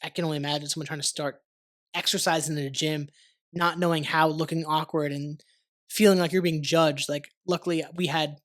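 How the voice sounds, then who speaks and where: Brisk and level in tone, a young podcast host with a fairly high, somewhat bright voice conducts a casual conversational interview in a warm studio under lights. He rambles freely, leaning on "like" and dropping the occasional swear word.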